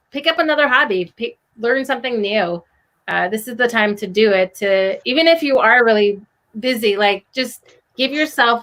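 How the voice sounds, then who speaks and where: A woman's voice: fairly high pitch, a bit bright, rough recording. A woman podcaster talking earnestly and urging listeners on, in a casual discussion over a video call. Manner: earnest, urging, with many likes.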